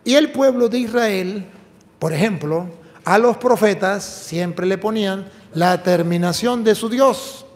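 A priest preaches with a high, bright-sounding male voice, driving each point home with emphatic explanations and rhetorical questions. His words ring out with a long reverberant tail from the church around him. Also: unhurried. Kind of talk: preaching and apologetics dialogue.

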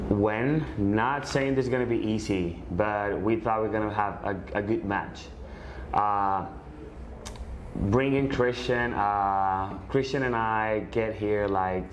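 Halting low-voiced man at a press conference. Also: slight background noise. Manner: halting, many fillers, searching for words. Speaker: volleyball player. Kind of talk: post-game press conference answers.

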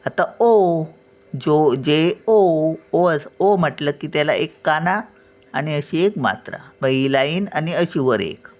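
A woman's voice: deep voice, expressive, darkish tone, dull audio. An older woman teaching at home, spelling out letters one by one and checking often that the learner follows. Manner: patient, spells out letters and sounds words slowly. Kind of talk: home writing lesson.

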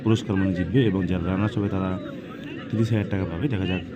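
A man's voice: sits low, steady tone, rapid-fire, highs cut off. A man giving live football commentary on a penalty shootout, announcing each kick in short, repeated phrases. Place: outdoor football ground. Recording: loud outdoor crowd and ambient noise.

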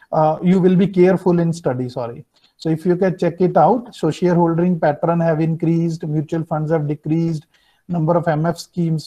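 High-pitched North Indian man teaching online. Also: warm tone. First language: Hindi. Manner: explanatory, repeats and checks with students. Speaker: finance teacher. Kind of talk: online class lecture, switching between two languages. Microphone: computer mic on video call. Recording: dull, lo-fi video-call audio.

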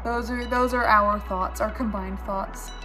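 A young woman talks through her thoughts in a loose, chatty way, wandering off into asides. Her voice sits at an ordinary middle pitch for a woman, close to a tablet mic in a living room, with music playing clearly underneath. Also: steady tone, unhurried, sharp tone. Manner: chatty and rambling, self-deprecating asides. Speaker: book club vlogger. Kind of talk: casual book discussion chat. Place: living room at home, indoors. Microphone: tablet built-in mic, close and low.

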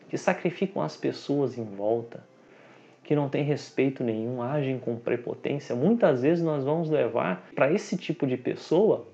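A man in his thirties giving a devotional talk in a small room, slow and earnest, stretching key words. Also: medium pitch, vocal fry, a little mellow, muffled recording. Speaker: spiritist lecturer. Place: small dim room indoors.

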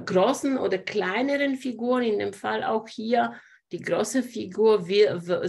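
A woman hosting a live online art lesson, explaining picture composition while pointing things out to her viewers. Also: mid-range voice. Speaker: art teacher hosting a webinar.

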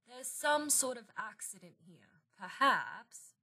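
A woman's voice: fairly high pitch, very animated, slow pace, sharp tone, slightly rough, pitched above the performer's own voice, full character voice. A woman voicing a grand female soap-opera star who talks with a put-on fake English accent and theatrical airs. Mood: haughty.

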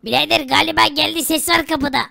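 A woman's voice: high voice, steady tone, fast talker, vocal fry, bright, forceful tone, slight background noise, full character voice. A woman doing a poor, easygoing buddy. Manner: casual, brotherly slang. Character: poor easygoing male friend.

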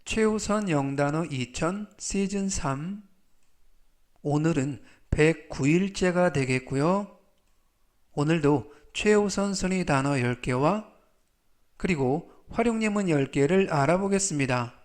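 A man teaching English vocabulary, with polite formal speech, repeating each word slowly and spelling out its meaning. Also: on the high side, animated. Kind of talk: slow, deliberate vocabulary lesson.

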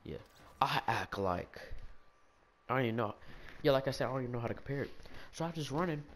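A young man telling a childhood story in a rambling, animated, self-mocking way, with lots of restarts. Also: mid-range voice, fast talker. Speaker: gaming video storyteller.

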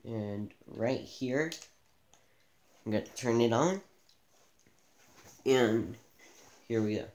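A man giving a casual gameplay tutorial, relaxed and thinking aloud as he plays in a dim room, filmed by a camera pointed at the TV. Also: mid-range voice, slow pace, echoey room. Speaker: gaming channel host.

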